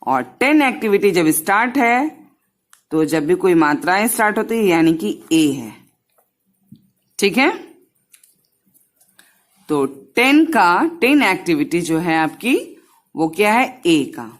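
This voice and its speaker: A woman gives a slow, patient lesson to small children. She sounds out each syllable one at a time and drops English words into her Hindi, in a fairly low voice. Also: big pitch swings. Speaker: teacher.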